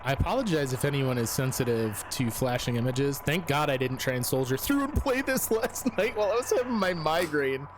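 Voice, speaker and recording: A man's voice: on the high side, lively intonation, fairly quick, few pauses, noisy background. A man giving casual, uneasy, sweary commentary as he streams a scary video game. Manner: sweary, informal.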